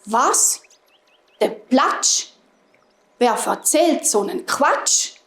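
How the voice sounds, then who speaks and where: A woman doing a calm, sly fox. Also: fairly high pitch, full character voice. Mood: questioning. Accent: Swiss German. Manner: slow and composed. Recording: roomy echo.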